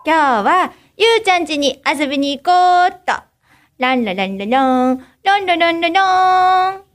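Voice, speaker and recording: A woman's voice: high voice, moderate pace, a bit bright, faint music behind. Woman playing a sing-song little girl. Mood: carefree. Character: cheerful naive little girl. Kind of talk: radio skit acting.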